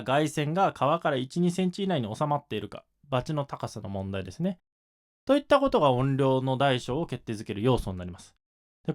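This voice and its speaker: A man explaining shamisen technique in a patient lesson, with frequent fillers. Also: medium pitch. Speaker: shamisen instructor.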